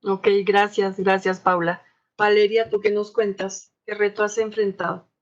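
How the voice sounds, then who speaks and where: A woman's voice: mid-range voice, little pitch movement, unhurried, muffled recording. A woman moderating a panel, friendly and prompting panelists with questions over a video call.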